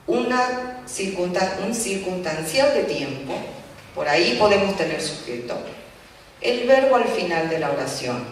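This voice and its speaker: A teacher gives a lecture at a community event, explaining patiently and pausing often with filler sounds. The voice sits at a middle pitch. It is caught from a distance in a large hall, with heavy echo and a faint hiss. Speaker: Japanese language teacher. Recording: echoey hall from far off, faint noise.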